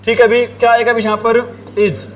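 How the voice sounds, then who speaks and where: A man's voice: very high voice, flat delivery, brisk. A male teacher giving a grammar lesson, asking the class the same questions over and over and answering them himself. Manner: drills the class with repeated questions, writing on a board. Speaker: English teacher.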